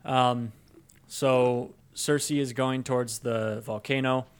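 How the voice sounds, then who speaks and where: Man, podcast co-host, casual movie review chat, rambling recap, lots of ums and uhs, middle pitch. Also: fairly even intonation, takes it slowly, clean tone.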